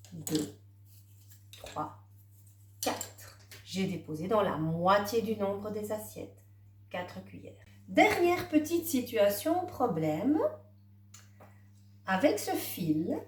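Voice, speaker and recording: Slow, lively woman teacher, roomy sound. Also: mid-range voice, far from the mic. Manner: slow, gentle, counting aloud to a child. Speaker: primary school teacher. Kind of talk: children's math lesson.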